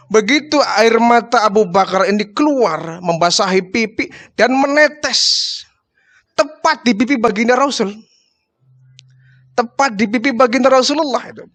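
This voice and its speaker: A male Islamic preacher with a fairly high voice tells a religious story in a lecture. He narrates casually and keeps shifting into acted voices for the dialogue. His delivery is animated, with frequent rises and drops.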